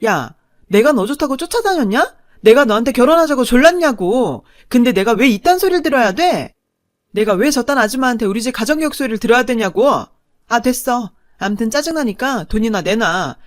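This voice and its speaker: Radio drama: a brash young woman, high and shouting, scornful, as a woman puts her on, dry close sound. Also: expressive, fairly quick, dry recording, close to an everyday voice. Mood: furious.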